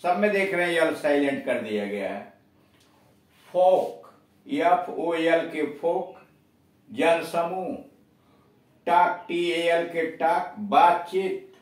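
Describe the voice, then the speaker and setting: A man's voice: fairly high pitch, animated, slow, pauses often. A man teaching an English lesson, spelling out each word letter by letter and then giving its meaning. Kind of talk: spoken language lesson. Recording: echoey room from far off.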